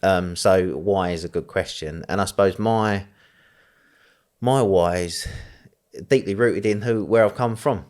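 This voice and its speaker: Deep-voiced East London man. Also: measured pace, a little mellow. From East End of London, England. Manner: rambling, frequent fillers, laughs easily. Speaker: guest. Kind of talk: conversational interview.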